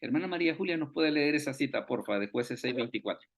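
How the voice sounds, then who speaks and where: A man's voice: on the high side, lively intonation, fast talker. A man teaching an online Bible study over a video call, who keeps asking rhetorical questions and repeating his phrases.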